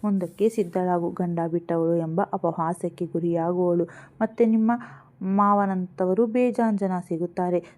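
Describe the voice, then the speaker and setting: A woman's voice: on the low side, fairly even intonation, unhurried, darkish tone, natural voice. A woman voicing a blunt but caring young woman who gives a friend scolding, coaxing advice in a storybook reading. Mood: earnest.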